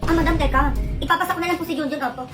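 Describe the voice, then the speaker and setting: A woman's voice: very high voice, steady tone, rapid-fire. A woman playing a polite, deferential schoolteacher in a comedy skit, with music underneath. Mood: nervous. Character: polite nervous female schoolteacher. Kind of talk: comedy skit role-play.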